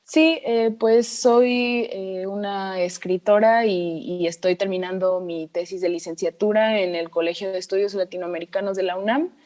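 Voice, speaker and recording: A young woman from Mexico in her twenties, a writer answering interview questions thoughtfully, pausing often to find her words. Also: medium pitch, fairly even intonation, darkish tone. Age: 20s. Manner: thoughtful, with frequent hesitations. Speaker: guest, writer.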